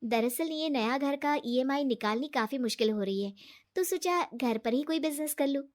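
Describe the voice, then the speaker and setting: An earnest, trusting young woman, as a woman narrator puts her on, talking eagerly and openly. Her voice rides high and light. The tale is told storybook fashion by one narrator. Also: normal speed, lightly acted. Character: trusting young woman office worker, naive.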